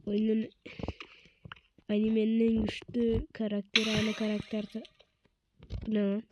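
A woman's voice: on the high side, monotone, moderate pace, background noise. A woman giving casual gameplay commentary as a streamer, swearing constantly in short blunt exclamations and slangy street talk.

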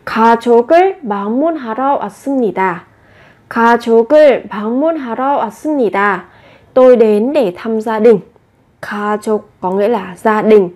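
Fairly high-voiced woman teaching a language. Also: a little mellow. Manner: reads model phrases quickly then explains them slowly and carefully. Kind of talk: language lesson, explaining phrases.

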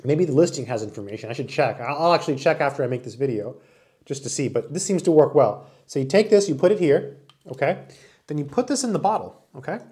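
A man's voice: on the high side, animated, quick pace, dark tone. Chatty man demoing a water bottle. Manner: chatty, enthusiastic, demonstrating while talking. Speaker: product reviewer. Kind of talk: casual product review vlog. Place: small indoor room with wood-panel wall.

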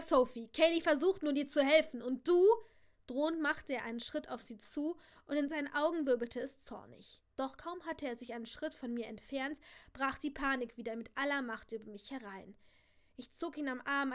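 A woman reading a novel aloud in a live stream, often stumbling and correcting herself. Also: high voice. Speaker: audiobook reader.

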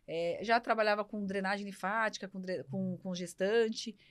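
A woman, a physiotherapist guest on a podcast, chatting in an animated, talkative way. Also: mid-range voice, normal speed. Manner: animated, talkative, repeats herself. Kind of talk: casual chat.

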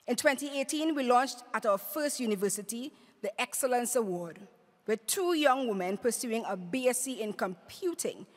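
A middle-aged woman delivering a prepared, rousing speech at a podium microphone in a conference hall. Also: fairly high pitch. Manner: rhetorical, rousing, paced with emphatic lists. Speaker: award speaker. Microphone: podium mic on stand.

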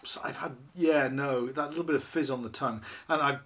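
A man's voice: mid-range voice, steady tone, a little fast, fairly bright tone. Chatty beer reviewer in his fifties, rambling and self-mocking, filmed at a living-room table. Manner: chatty, rambling, self-deprecating, many ums and you-knows. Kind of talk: casual beer review to camera. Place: small living room, indoors, seated at a table.

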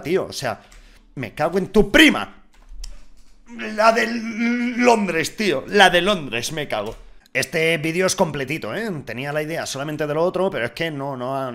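Excitable young man gaming, shouting. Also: on the high side. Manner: excitable, swings from muttering to shouting, swears a lot. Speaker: gaming YouTuber. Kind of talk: casual gameplay commentary.

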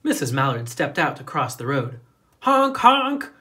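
Someone with a mid-range voice reads a children's picture book aloud, narrating in a deliberate, expressive storytelling style.

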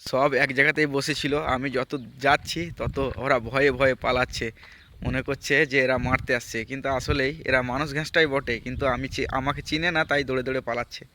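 A man's voice: fairly even intonation, fast talker, slight background noise. A man vlogging outdoors on a farm, chatting step by step to viewers while he works. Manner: lowers voice to talk quietly. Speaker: vlogger, migrant farm worker. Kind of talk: casual explanatory vlog.

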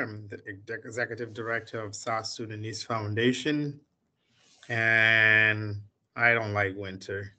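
A man introducing himself slowly on a video call, laughing between phrases. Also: fairly low pitch, bright, forceful tone. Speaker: nonprofit executive director.

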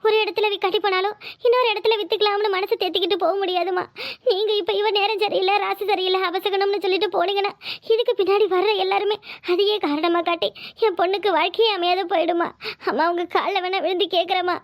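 A woman's voice: extremely high pitch, fairly even intonation, quick pace, no room sound, clean studio sound. A woman voicing the bride's poor mother in a cartoon, begging in a tearful, imploring way. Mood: pleading.

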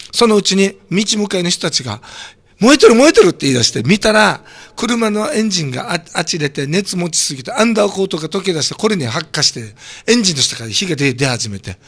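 A hoarse man with a throat cold hosting a community radio show, chatting casually and joking while reading listener comments. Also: high-pitched, very animated, quick pace, fairly bright tone, dry recording. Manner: chatty, jokey, reacts to comments aloud. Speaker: radio host.

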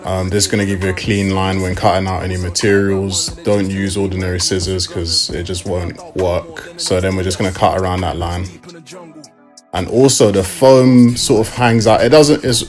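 Low-voiced young man explaining. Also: moderate pace. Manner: relaxed, step-by-step explaining with fillers. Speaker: fashion DIY vlogger. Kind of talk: casual tutorial voice-over. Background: hip hop music.

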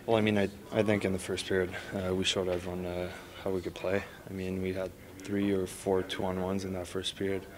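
A man's voice: low voice, monotone, fairly quick, few pauses, a crowd in the background, rough recording. A man in his twenties, a hockey player, answering reporters in a plain, matter-of-fact way. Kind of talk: post-game media interview.

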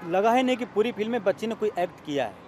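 A man giving a measured, explanatory review of a film in a street interview. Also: high voice, lively intonation. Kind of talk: street vox-pop interview. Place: outdoors on a city street. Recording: faint street noise outdoors.

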